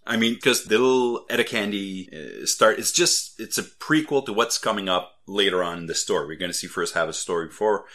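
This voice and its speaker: Male co-host, lowish pitch, bright tone, eager and halting, lots of fillers. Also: lively intonation. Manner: enthusiastic, halting, many fillers like "yeah" and "like". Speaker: podcast co-host. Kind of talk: casual chat.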